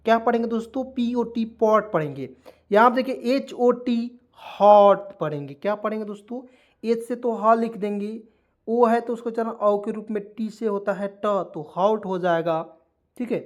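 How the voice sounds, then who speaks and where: A man's voice: high voice, moderate pace. A man teaching English pronunciation in a video lesson, spelling words out letter by letter, asking questions and answering them himself, and calling his viewers friends. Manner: calls viewers friends, tags lines with okay. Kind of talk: spoken tutorial lesson.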